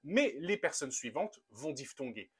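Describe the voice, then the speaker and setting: A man's voice: on the high side, big pitch swings, slightly rough. Upbeat man teaching grammar step by step. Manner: upbeat, methodical, spells out each conjugation slowly. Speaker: language teacher. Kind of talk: explaining grammar to a camera.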